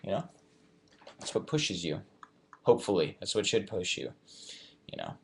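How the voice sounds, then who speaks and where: A man's voice: sits low, normal speed, gravelly. Laid-back young man answering fan questions. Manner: relaxed, thoughtful, reading questions aloud then answering. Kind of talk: casual live chat.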